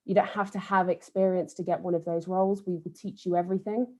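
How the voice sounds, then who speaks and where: Chatty Englishwoman with a low, mellow voice. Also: steady tone, quick pace. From England. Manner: chatty, enthusiastic, many restarts. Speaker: panellist, think tank team manager. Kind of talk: online careers panel talk. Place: home, video call.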